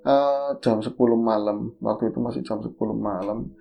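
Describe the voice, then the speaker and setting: A man's voice: mid-range voice, moderate pace, gravelly, soft background music. A man hosting a podcast, casually telling a horror story and acting out the people in it. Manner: lively, acts out quoted voices. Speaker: podcast host.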